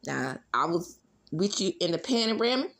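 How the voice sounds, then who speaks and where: Animated Mississippi-accented woman, sassy gossip. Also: on the low side, moderate pace, vocal fry. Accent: Mississippi, Southern US. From Mississippi, United States. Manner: sassy, blunt, conversational asides. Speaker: YouTube gossip commentator. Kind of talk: casual celebrity gossip chat, solo commentary.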